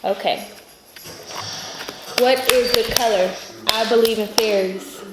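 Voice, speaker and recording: A woman's voice: a little high, fairly even intonation, slow. A woman vlogger talking casually and upbeat to her viewers, playful when playing a game at home. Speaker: lifestyle vlogger. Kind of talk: casual vlog talk to camera. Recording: echoey room with clear background noise.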